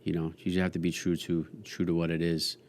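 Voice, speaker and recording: Very deep-voiced blunt man. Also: monotone, a little fast, a little mellow, slight background noise. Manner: blunt, swears freely. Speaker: podcast co-host, realtor. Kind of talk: casual chat.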